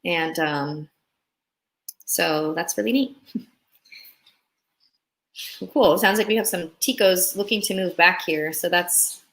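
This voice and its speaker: A woman's voice: lowish voice, takes it slowly, long pauses, fairly bright tone. A young woman, born in Russia, chatting upbeat with viewers on a live stream as a relocation consultant. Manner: upbeat, chatty, reads viewer comments aloud.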